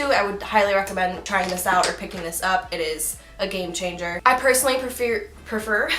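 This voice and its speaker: A woman's voice: medium pitch, fairly bright tone. Chatty young woman vlogger, echoey room. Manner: chatty, giggly, self-mocking asides. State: hiccups. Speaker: beauty vlogger. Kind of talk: makeup tutorial talk.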